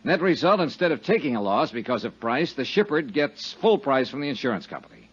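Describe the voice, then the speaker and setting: Playing a brooding, self-assured, hard-boiled insurance investigator, an American actor in a 1950s radio detective drama delivers his lines brisk and very animated. His medium-pitched voice carries a breathy edge and an insistent mood, coming through a dull, muffled period recording.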